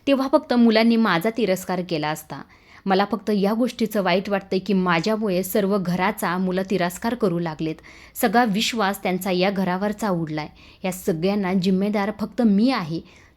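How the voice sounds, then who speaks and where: A woman's voice: mid-range voice, normal speed, darkish tone, lightly acted. A woman voicing a stern, self-blaming husband in a retold TV serial, speaking in a heavy tone. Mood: self-reproach. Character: stern guilt-ridden husband, adult man.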